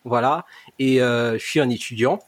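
A man's voice: mid-range voice, moderate pace, no echo. A man in his twenties from Cameroon, co-hosting a podcast and explaining things thoughtfully with many fillers. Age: 20s. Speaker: podcast co-host. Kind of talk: casual podcast chat. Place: Germany.

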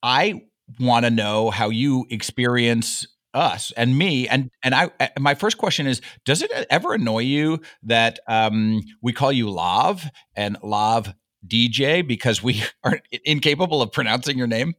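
A company founder hosts a business podcast from his office headquarters, reading a scripted intro before chatting jokingly and self-deprecatingly over a video call. His mid-range voice is unhurried and fairly bright, recorded at studio quality with no echo.

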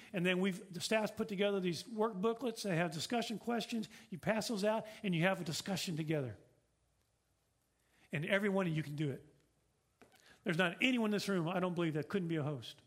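High-voiced preaching pastor. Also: male voice. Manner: earnest, repetitive preaching with rhetorical questions. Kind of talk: sermon.

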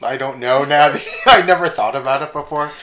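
A young adult man co-hosts a casual comedy podcast, speaking at a normal speed in a medium-pitched, slightly bright voice. He rambles and jokes, swears often and mimics the people he talks about.

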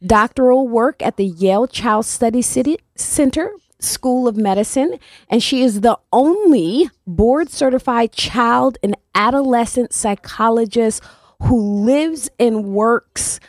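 A woman's voice: a little high, unhurried, a little mellow, no echo. Chatty woman radio host, dry studio sound. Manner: chatty, with many fillers and restarts. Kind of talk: community radio talk show.

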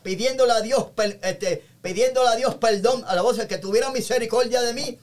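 Fervent high-voiced male evangelist. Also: a little fast. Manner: fervent, constantly interjects praise phrases. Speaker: evangelist guest.

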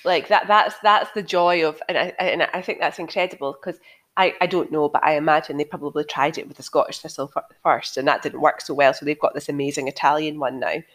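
A woman co-hosting a casual chat, animated and full of wonder, often exclaiming. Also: low-pitched, fast talker.

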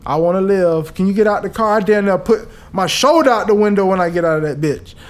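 A man hosting a podcast, talking in a casual, profane and animated monologue. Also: high-pitched, fast. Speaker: podcast host.

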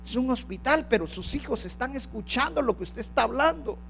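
A male pastor delivering an impassioned sermon that swings from hushed tones to shouting. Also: very high voice, lively intonation, brisk, creaky, slight background noise.

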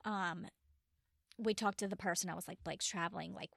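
A woman's voice: on the low side, moderate pace, gravelly, no room sound, studio quality. A woman, a podcast guest telling her story casually and acting out quoted dialogue. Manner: chatty, quotes others in lively retold dialogue.

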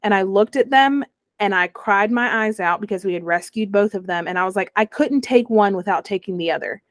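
Briskly and in a mid-range voice, a young woman shares her personal story as a guest in a laid-back interview. Her telling is animated, complete with acted-out voices for the people she quotes. No echo is present.

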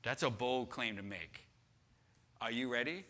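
A pastor delivering a sermon in a bright, ringing voice. He speaks slowly and deliberately, repeating key phrases for emphasis and climbing into fervent, rising lists. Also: mid-range voice, animated.

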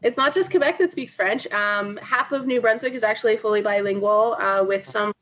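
A woman with a Canadian accent, a startup founder, chats and explains things as a guest in a casual interview. Her mid-range voice is fairly bright and a little fast, and the lo-fi audio is dull with clear background noise.

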